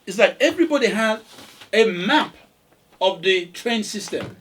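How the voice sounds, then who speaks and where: A man's voice: high-pitched, measured pace, distant mic. A man with an African accent hosting a casual radio talk show, who exclaims often and reads out the call-in number. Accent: African English. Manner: animated, exclaims in surprise, taking calls.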